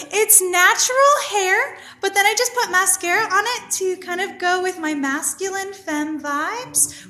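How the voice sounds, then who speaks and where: A woman pole dance teacher chatting casually on a live stream, reading comments in a high, upbeat put-on voice. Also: pushed and bright. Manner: high put-on upbeat voice kept deliberately positive. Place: indoor pole dance studio. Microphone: phone camera. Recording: echoey room.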